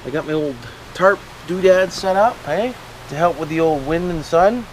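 A man with a rural Ontario Canadian accent chats casually to camera outdoors at a campground, by a trail and a lake, his voice a little high and his pace moderate. He vlogs in a folksy way, repeating slangy tag questions. Captured on a handheld action camera, the audio is windy and noisy.

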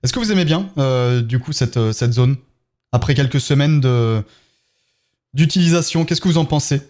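A man's voice: medium pitch, normal speed, darkish tone. A man with a French accent, chatting casually on a live game stream and thanking viewers one by one as he plays.

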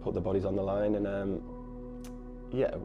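A man talking as a footballer in an interview, quick and hesitant, with many fillers and restarts. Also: low voice, completely flat delivery, highs cut off, over music. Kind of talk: post-match interview.

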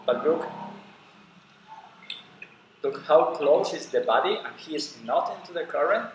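A man's voice: fairly high pitch, lively intonation, a little slow, slight background noise. A man, a scuba diving course director, explains plainly in slightly non-native English while reacting to dive footage. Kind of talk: casual reaction commentary. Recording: very echoey room, faint ambience.

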